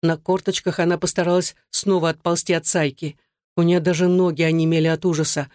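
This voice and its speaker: Low-voiced woman narrating an audiobook. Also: flat delivery, a little fast, a little mellow, no room sound, studio quality.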